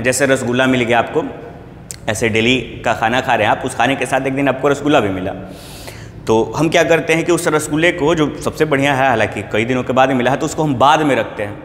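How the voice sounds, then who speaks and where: This Hindi-language pronunciation lesson features a man whose mid-range voice is a bit bright, patiently repeating each English example word several times. Long reverb from an echoey room and faint background noise color the recording.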